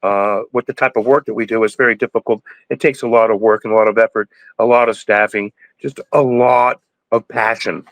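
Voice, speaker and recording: A cannabis breeder in his sixties, appearing as a podcast guest, talks casually in a rambling, preachy way with many restarts. His voice is on the low side, steady and brisk, recorded with no room sound.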